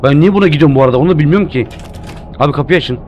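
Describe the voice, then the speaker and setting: A man's voice: fairly high pitch, racing, muffled recording, slight background noise. A man doing live commentary while playing a horror game, jumpy and joking, cursing at the game. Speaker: streamer.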